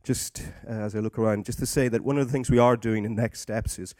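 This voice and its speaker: Dark-toned Irish man chairing. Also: on the low side, fairly even intonation, a little fast, no room sound. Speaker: conference chair. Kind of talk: moderating conference discussion, unscripted.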